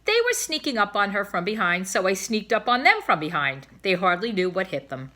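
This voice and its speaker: A woman's voice: mid-range voice, sing-song, brisk, pushed and bright. A woman voicing a proud, determined young male trumpeter swan in love, plain-spoken and resolute, in a storybook. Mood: defiant, resolute.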